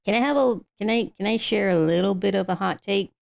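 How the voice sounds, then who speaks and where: A woman giving casual reaction commentary in a halting way, often repeating and restarting her phrases. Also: medium pitch, gravelly. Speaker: reactor streamer.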